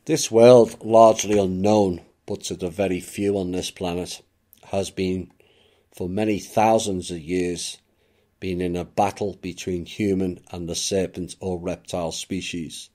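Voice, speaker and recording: A man with a deep, low voice talks through a reflective monologue at a very slow, deliberate pace. His tone is mellow and dark, and he drops in occasional offhand asides. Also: fairly even intonation. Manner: measured, unhurried, with occasional asides. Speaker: esoteric channel narrator.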